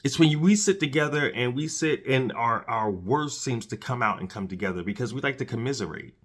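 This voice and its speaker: This podcast host, medium-pitched with lively intonation, talks fairly quickly on his solo commentary show. His earnest, preachy style includes frequent repeats and restarts. He has candy in his mouth, which is dry.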